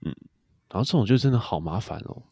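A man's voice: fairly low pitch, animated, fast, a little mellow, slightly rough, no room sound, studio quality. A young man, chatting casually as a podcast co-host and telling stories. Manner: chatty storyteller. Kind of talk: casual chat.

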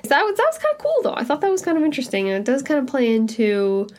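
A woman's voice: high-pitched, huge pitch swings, rapid-fire, noisy background. A woman co-hosting a podcast in casual chat, skeptical and giggly, with lots of "like" fillers. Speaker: podcast co-host.

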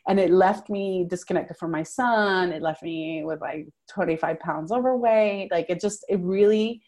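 Speaking at a moderate pace in a slightly low voice, a Venezuelan woman whose first language is Spanish appears as a manifestation coach in a casual interview. She is lively and emphatic, restarting sentences often and leaning on "like" as a filler.

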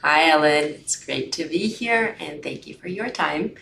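A woman's voice: deep voice, a little slow, gravelly, fairly bright tone. A woman from Thailand who founded an investment fund, telling her personal story in an interview. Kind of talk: interview conversation. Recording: roomy echo, faint noise.

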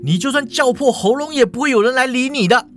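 A man's voice: very high voice, lively intonation, fast talker, a bit bright, faint music behind, voice pushed up. A man voicing a jealous, menacing young man who talks in a raised, accusing way.

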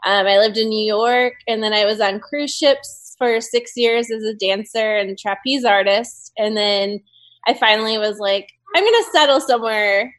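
A woman's voice: a little high, normal speed, fairly bright tone. A woman from the American Midwest, a dancer and aerialist, telling her story with enthusiasm in a casual interview over a video call. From United States Midwest. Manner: enthusiastic storyteller, acts out her own past thoughts.

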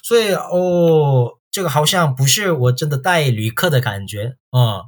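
A man from South Korea speaking Mandarin as a foreigner with a Korean accent, answering interview questions casually in halting, simple phrases as a tour guide. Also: fairly high pitch, lively intonation.

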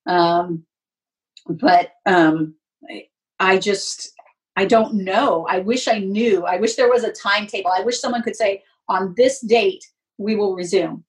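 A woman with a mid-range voice speaks unhurriedly, sounding candid and emphatic as a guest in a casual interview. She works as a sports announcer, and her voice sounds distant from the mic.

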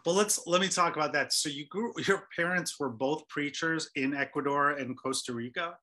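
A man's voice: fairly high pitch, moderate pace, sharp tone. A man in his forties hosting a podcast, asking questions in a rambling, loose, chatty way. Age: 40s. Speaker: podcast host. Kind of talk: casual podcast interview.

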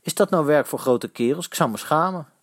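A man voicing a fat, easygoing older gentleman who calms and mildly scolds the crowd. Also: a little high, fairly quick, pitched above the performer's own voice, close to an everyday voice. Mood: reproving. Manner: soothing, mildly reproving.

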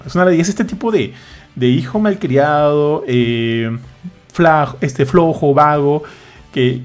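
A man hosts a casual chat. He talks in an animated, slangy way and acts out what others say. Faint music plays behind him. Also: a little high.

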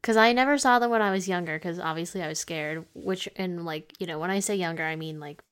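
A woman's voice: fairly low pitch, fast talker, a bit bright, clear, resonant tone. A woman co-hosting a casual movie podcast, laid-back and teasing, often trailing off. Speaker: podcast co-host.

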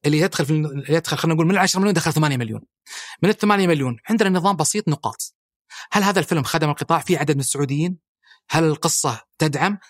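Fast-talking Saudi man, crisp dry sound. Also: a little high, dry recording. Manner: fluent with frequent "aah" fillers and restarts, listing points. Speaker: guest, head of a national film body. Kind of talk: podcast interview, explanatory.

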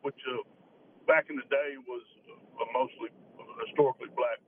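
A man's voice: medium pitch, steady tone, normal speed, slightly rough, no room sound. A man from Arkansas with a Southern accent, calling into a radio show, folksy and joking over a phone line. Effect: phone call into a radio show. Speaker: caller.

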